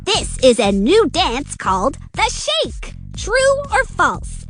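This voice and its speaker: A woman's voice: high voice, huge pitch swings, slow pace, fairly bright tone, soft background music, full character voice. A woman voicing a chirpy, cheerful male robot prince who talks in clipped robotic phrases. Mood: formal, chirpy.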